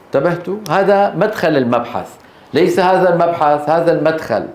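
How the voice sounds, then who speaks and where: A man gives a classroom lecture on Quran recitation, stretching out syllables to show how each letter sounds and pausing to ask if his students are following. His voice sits a little high for a man. The room around him is echoey. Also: expressive, darkish tone. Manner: drawn-out demonstration of letter sounds, frequently checking the class.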